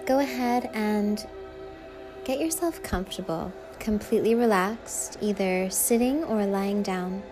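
A woman's voice: mid-range voice, a little slow. A woman leading a guided meditation in a soothing, hypnotic way, with lulling, repetitive phrasing. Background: faint music.

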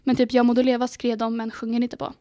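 High, excitable teenage girl. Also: no echo, studio quality. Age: teens. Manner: excitable storyteller, acts out her own reactions, swears casually. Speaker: podcast co-host. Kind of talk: casual chat.

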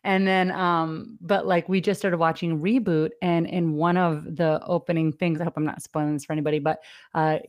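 A middle-aged woman with a slightly low voice hosts a casual podcast interview. She talks in a loose, rambling way, full of fillers and quick laughs. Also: level tone. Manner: chatty, laughs often, many fillers. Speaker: podcast host.

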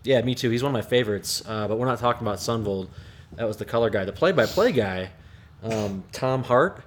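Male podcast host, casual, halting delivery over a video call. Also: fairly low pitch, animated, slight background noise. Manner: halting, many restarts, chuckling.

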